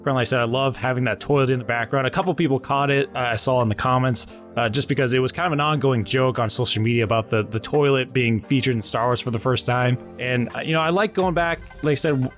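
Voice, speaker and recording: A man hosting his animation channel, giving casual, informal and rambling commentary on how he makes his videos. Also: mid-range voice. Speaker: animation channel creator and host.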